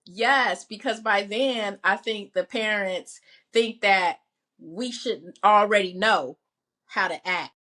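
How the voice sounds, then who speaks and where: A woman's voice: mid-range voice, takes it slowly, pushed and bright. A woman hosting an interview, asking questions in a casual, bantering way and laughing along. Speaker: interview host.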